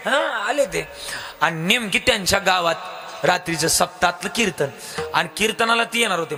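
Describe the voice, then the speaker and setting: A man's voice: sits high, pushed and bright, in a large hall. A man with a Marathi accent preaching a devotional kirtan, telling a story, questioning the crowd and breaking into sung lines.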